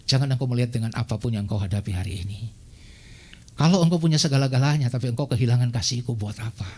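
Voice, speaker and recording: A man voicing God in his sermon, speaking low, slow and tender, like a reassuring father. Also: dark tone, natural voice. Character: God speaking gently, a loving fatherly male voice.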